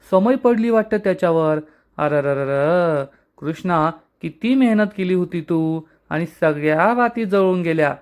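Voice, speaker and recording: A man voicing a smug, newly married young husband in a retold TV serial scene, who offers mock sympathy with drawn-out exclamations. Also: sits high, clear, resonant tone, lightly acted.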